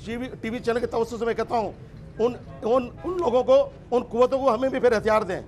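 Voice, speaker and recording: Angry high-pitched middle-aged man debating. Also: steady tone, a little fast, darkish tone, soft background music. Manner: angry, interrupting, rhetorical repeated questions. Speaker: political party guest. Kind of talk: heated televised political debate.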